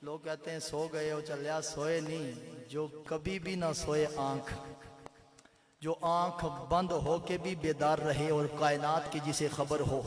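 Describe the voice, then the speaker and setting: A man with a Punjabi accent preaching a sermon, moving from soft storytelling to loud sung cries. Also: fairly high pitch. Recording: echoey hall with crowd behind.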